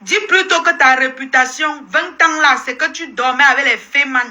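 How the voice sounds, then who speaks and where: High, sharp-voiced Cameroonian woman ranting. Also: moderate pace. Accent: Cameroonian French. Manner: combative, scolding, repeats herself. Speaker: live-stream host. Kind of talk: heated live-stream rant. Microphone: phone live stream.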